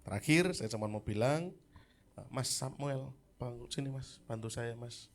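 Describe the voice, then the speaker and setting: A male pastor delivers his sermon in a loose, conversational way. He jokes with the congregation and calls out to listeners by name. His voice sits in an ordinary middle pitch. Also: a little slow. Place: church service in a hotel hall.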